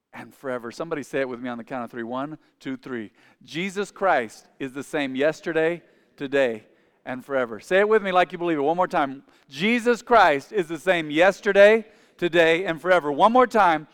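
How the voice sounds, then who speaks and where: A man's voice: a little high, smooth. A man in his forties preaching a sermon as pastor, calling on the congregation to repeat phrases after him. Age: 40s. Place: church sanctuary. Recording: long reverb of a large hall.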